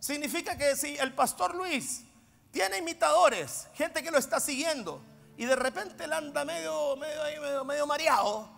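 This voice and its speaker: A man preaching a sermon, swinging between loud emphatic declarations and low, intense asides. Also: lively intonation, normal speed, creaky. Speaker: apostle preaching. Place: church hall. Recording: long reverb of a large hall.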